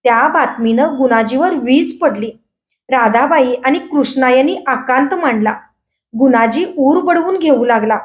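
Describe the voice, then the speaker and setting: A woman with a Marathi accent reading a short story aloud, expressive and dramatic. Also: high-pitched, a little slow. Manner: expressive, raises voice for characters' shouted lines. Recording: roomy echo.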